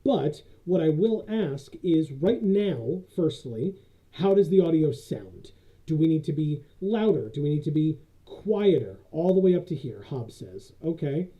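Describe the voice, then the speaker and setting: A man streaming live, chatting casually and haltingly with many fillers, his voice muffled as if he is talking through a tube. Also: fairly high pitch, expressive. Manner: rambling, halting, many fillers and self-corrections. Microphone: built-in USB camera microphone. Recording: dull lo-fi USB camera microphone.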